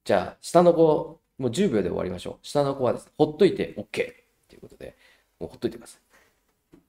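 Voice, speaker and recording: A middle-aged man giving a lively parenting lecture, telling anecdotes and acting out children's voices. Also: mid-range voice, fast talker, vocal fry. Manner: animated storyteller who acts out children's voices.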